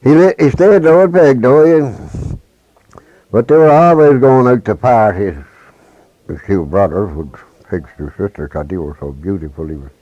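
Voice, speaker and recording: A man telling a traditional folk tale in halting dialect speech with many restarts, on a dull lo-fi recording. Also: fairly low pitch, expressive, dark tone, no echo. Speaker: storyteller.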